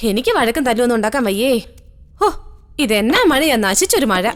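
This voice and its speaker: A bossy, grumbling housewife. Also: female voice, fairly high pitch, sing-song, a little fast. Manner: scolding, grumbling, then tender. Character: bossy, caring middle-aged woman, scolding her husband. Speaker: Annamma, a housewife caring for a sick young mother. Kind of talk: TV serial drama acting.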